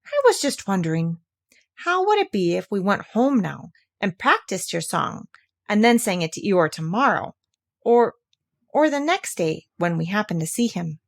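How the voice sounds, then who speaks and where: A woman's voice: medium pitch, big pitch swings, normal speed, vocal fry. A woman voicing a small, timid, anxious young male piglet in a read-aloud storybook, speaking hesitantly. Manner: hesitant, tentative.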